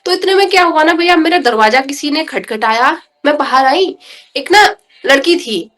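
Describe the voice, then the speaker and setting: A woman guest on a podcast earnestly and emotionally recounts a personal devotional experience, often turning to the host and calling him brother. Her voice is high, expressive and a bit bright, at a moderate pace.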